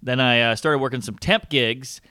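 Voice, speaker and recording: A man telling casual comedic stories like stand-up comedy, animated and sweary, acting out the dialogue as he goes. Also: medium pitch, moderate pace, clean tone, dry recording, clean studio sound. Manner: animated, profane, acts out quoted dialogue. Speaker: comedian guest.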